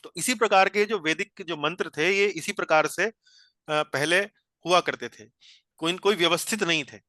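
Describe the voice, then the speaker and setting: A man's voice: fairly high pitch, normal speed, sharp tone, no echo. A man teaching a scripture study class over a video call, explaining each point patiently and repeating phrases as he guides a reader.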